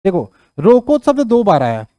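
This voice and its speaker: Male grammar teacher, high voice, repeats himself, dry close recording. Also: huge pitch swings, moderate pace, dry recording. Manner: repeats key phrases, asks the class "clear?"; rises in pitch and loudness when explaining examples. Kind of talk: exam-prep grammar lesson.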